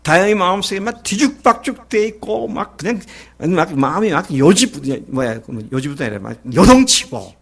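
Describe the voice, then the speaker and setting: With a high, gravelly voice, a middle-aged man preaches energetically from the pulpit. He performs the story's quoted lines as Jesus and the disciples and keeps asking the congregation questions that he then answers.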